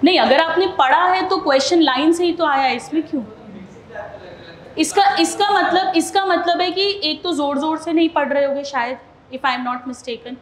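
A woman teacher with a high voice talks a class through a study method step by step. She stops often to check that her students follow. The room is echoey around her. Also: normal speed. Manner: explains step by step, asks students if they follow. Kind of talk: classroom lesson.

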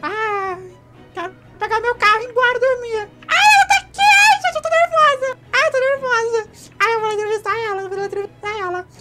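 A woman's voice: extremely high pitch, brisk, sharp tone. A woman voicing a ditzy, rude, tipsy female reporter at a party in a comedy skit, theatrical and whiny. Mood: brash. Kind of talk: comedy skit role-play. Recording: music playing behind.

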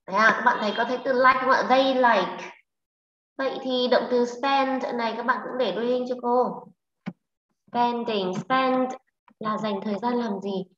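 A woman English teacher with a Vietnamese accent, leading a class online, brisk and prodding students with questions. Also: on the high side, fairly bright tone, slight background noise. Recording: echoey, lo-fi online class audio.

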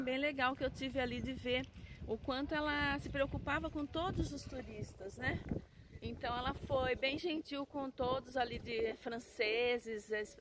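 A middle-aged Brazilian woman with a Brazilian Portuguese accent, chatting enthusiastically to her viewers in a casual travel vlog. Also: fairly high pitch. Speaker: travel vlogger. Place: outdoors on city streets. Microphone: handheld camera at arm's length. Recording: street traffic noise behind.

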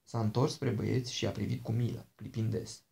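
A man reading an audiobook with steady, scripted narration. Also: on the low side, gravelly.

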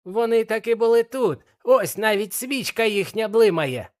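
A man voicing a jumpy male pirate who shouts down from an upstairs window in a strained way. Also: high-pitched, lively intonation, normal speed, voice pushed up. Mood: agitated.

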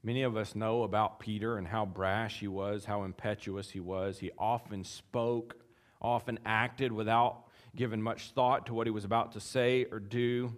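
A man preaching a sermon, acting out the quotes in his text with big jumps in voice and chuckling between points. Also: moderate pace. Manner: animated, acts out quotes with big pitch jumps. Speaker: pastor.

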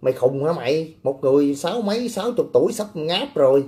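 A man's voice: a little high, expressive, quick pace, dark tone. A man hosting a casual livestream, reading viewer comments with brash, teasing, coarse banter. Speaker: livestream host.

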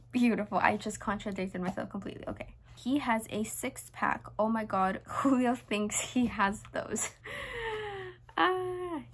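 A woman's voice: medium pitch, animated, moderate pace, hardly any pauses, slightly rough. A young woman reading her childhood diary aloud in an embarrassed, amused, self-mocking manner, with casual asides. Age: young adult. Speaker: vlogger. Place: small bedroom, indoors.

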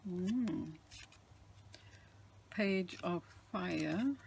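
A woman vlogger showing off a handmade craft book, gushing with admiration and often dropping into soft whispers. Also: fairly low pitch, animated, drawn-out words, vocal fry, a little hiss or hum. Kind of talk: show-and-tell craft video.

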